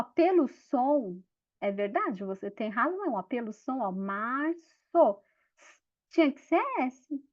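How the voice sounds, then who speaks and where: A woman giving a lively teacher training talk, acting out classroom scenes in voices. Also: fairly high pitch. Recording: dull lo-fi sound.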